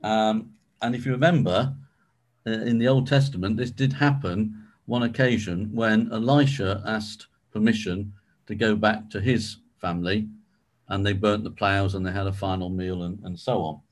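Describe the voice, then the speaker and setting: A man's voice: lowish voice, fairly even intonation, moderate pace. A man leading a Bible study, explaining in a conversational way with frequent ums and restarts. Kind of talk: informal teaching talk.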